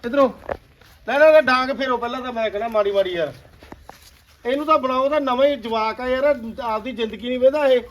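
A man playing an indignant Punjabi villager who scolds in a loud, hearty, insistent and brotherly way. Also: extremely high pitch, quick pace, a little hiss or hum, rough recording.

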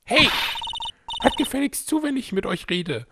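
A man's voice: very high-pitched, sing-song, normal speed, heavy background noise, pitched above the performer's own voice, exaggerated voice. A man voicing a grumpy, scolding, gossipy old woman security guard from a video game. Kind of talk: dramatic reading of video game dialogue. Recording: loud music over the voice.

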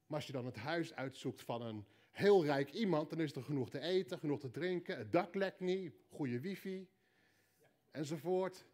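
A man with a Dutch accent preaching a sermon, telling a story with punchy repeated lines and quiet joking asides. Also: a little high, lively intonation, normal speed. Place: church hall.

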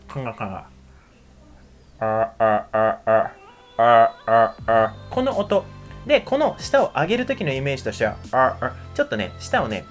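A Japanese man in his twenties giving a casual, energetic pronunciation lesson, chatty and repeatedly demonstrating sounds. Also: fairly high pitch. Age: 20s. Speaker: English pronunciation teacher.

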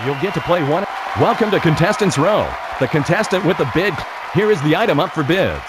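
Man acting an animated, high-voiced game show host. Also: brisk, close to an everyday voice. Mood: upbeat, showy. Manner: exclamatory, showy. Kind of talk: scripted game show hosting. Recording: loud music and studio crowd behind.

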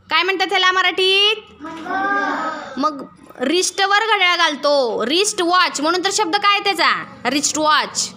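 A woman teaching a class, who explains each word slowly and drills the students with questions. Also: extremely high pitch, bright, forceful tone, a little hiss or hum. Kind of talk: classroom lesson.

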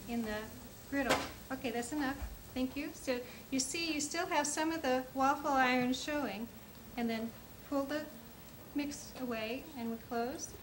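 On an indoor studio kitchen set, a middle-aged cooking show host patiently walks a child through a recipe, asking politely. Her voice sits high with a fairly bright tone, and the poor audio carries a little hiss or hum. It's a cooking demonstration aimed at kids.

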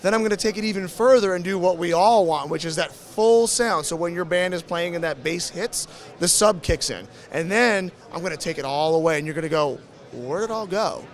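A man in his thirties giving an enthusiastic, informal product demo in an interview at a trade show booth, speaking into a handheld mic. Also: high voice. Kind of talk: conversational sales demo in an interview. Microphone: handheld interview microphone.

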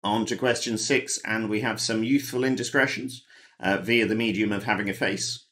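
A man's voice: lowish voice, fairly even intonation, normal speed, fairly bright tone. A man hosting a pub quiz, reading out the answers with dry, wry asides. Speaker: quiz host. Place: home, recorded alone.

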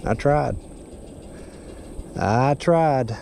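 A young fishing vlogger with a Kentucky accent talks to himself and his viewers from a grassy pond bank, recorded on a head-mounted action camera with wind noise outside. His mid-range voice is gravelly and a little mellow, and he speaks extremely slowly in casual running commentary.

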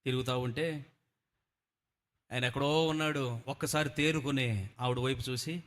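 A pastor preaching a sermon to a congregation, repeating lines and building to fervent peaks. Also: male voice, mid-range voice, steady tone, moderate pace, a bit bright. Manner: repetitive, emphatic, surging to fervent peaks.

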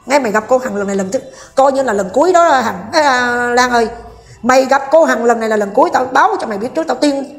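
A woman vlogger, delivering a heated, combative rant and scolding while speaking directly to her viewers. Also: high voice.

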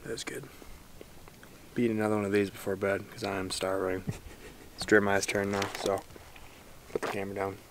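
A man's voice: fairly low pitch, flat delivery, fairly quick, pauses often, recorded from a distance, noisy background. Easygoing young man vlogging outdoors. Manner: easygoing, chatty, with fillers. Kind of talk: casual camp vlog. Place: outdoor camp at night beside a truck.

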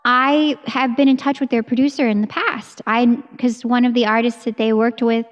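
An American woman in her thirties, a singer, chats eagerly in a casual video-call interview. Her voice sits a little high and she talks with her hands, close to a studio mic in a room at home. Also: steady tone, normal speed. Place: home room with curtain backdrop. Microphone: studio mic on a boom arm.

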